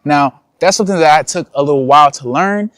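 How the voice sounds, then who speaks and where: A man's voice: on the high side, fast, fairly bright tone, dry recording, studio quality. A young man, a content creator, talking casually and slangily to his viewers in a vlog. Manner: casual slangy talk, addresses viewers as y'all.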